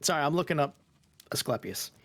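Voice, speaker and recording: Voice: medium pitch, expressive, fairly quick, fairly bright tone. Rambling streamer on a tangent. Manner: rambling, easily sidetracked, explains at length. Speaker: streamer playing a detective game. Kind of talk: casual gaming chat.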